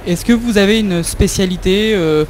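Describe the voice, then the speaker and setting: A man with a fairly high voice asks questions as an interviewer. He pauses on fillers and restarts his sentences, and faint noise sits behind him.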